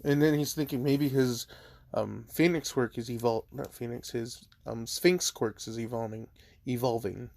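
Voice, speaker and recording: A man's voice: mid-range voice, steady tone, normal speed, creaky, a little mellow, dry recording. A man casually narrating a fan story, rambling with lots of "like," swearing now and then and talking between bites of food. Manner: rambling, lots of "like", swears, talks while eating.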